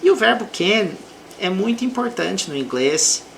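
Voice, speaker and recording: A woman with a Brazilian accent teaching English, reading example sentences slowly and explaining them. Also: medium pitch, animated, gravelly, fairly bright tone, a little hiss or hum. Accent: Brazilian Portuguese. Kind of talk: slow explanatory language lesson.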